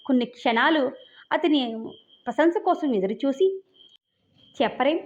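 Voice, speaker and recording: High-voiced woman reading a novel. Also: lively intonation, moderate pace. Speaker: storyteller. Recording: dull lo-fi recording.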